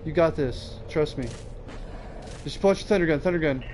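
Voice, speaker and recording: A man's voice: a little high, a little fast, a little mellow. A man streaming a video game in casual chat, talking like a frat bro with lots of slang and swearing. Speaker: livestreamer playing a video game. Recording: noisy mic with game sound.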